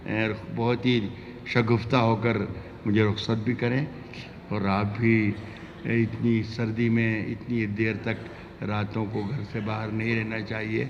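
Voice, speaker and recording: A man's voice: lowish voice, little pitch movement. A man speaking as a poet to his audience, with informal, conversational asides and explanations between verses. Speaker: poet addressing the audience at a mushaira. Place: poetry gathering with audience, reverberant hall. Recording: muffled, noisy recording in a reverberant hall.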